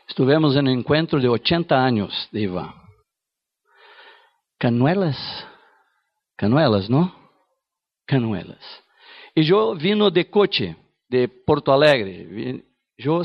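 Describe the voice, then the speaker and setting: A man's voice: a little high, vocal fry, no room sound, muffled recording. A middle-aged man with a Brazilian Portuguese accent, preaching a sermon in an earnest, emphatic way.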